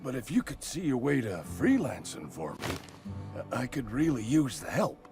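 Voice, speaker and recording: An actor playing a nervous, fatalistic company worker in a video game, ailing and doom-laden, with quaintly formal, folksy talk. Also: male voice, medium pitch, wildly swooping pitch, measured pace, a little mellow, faint music behind. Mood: apologetic, pleading. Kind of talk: video game character acting.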